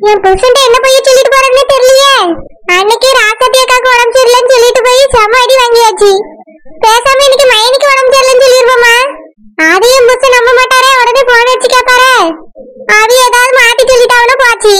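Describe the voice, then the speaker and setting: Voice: extremely high pitch, little pitch movement, fast talker, bright, forceful tone. A performer voicing a scheming young village wife in a cartoon, with a Tirunelveli Tamil accent and a fretful, pleading way of talking. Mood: fretting. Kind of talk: cartoon voice acting.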